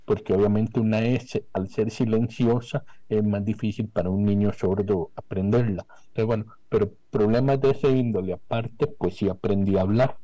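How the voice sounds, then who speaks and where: A young Costa Rican man with a Costa Rican accent, answering as a radio guest over a remote call. He speaks articulately and softens his s sounds. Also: fairly low pitch, fairly even intonation, moderate pace, hardly any pauses, no echo, low-quality recording. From Costa Rica. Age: young adult. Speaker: economist guest. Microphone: remote video call.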